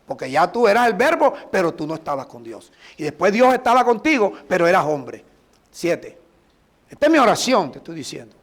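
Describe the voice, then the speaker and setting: A middle-aged man from Colombia, a pastor preaching a sermon with emphatic, drawn-out phrases and prayers. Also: sits high, fairly bright tone.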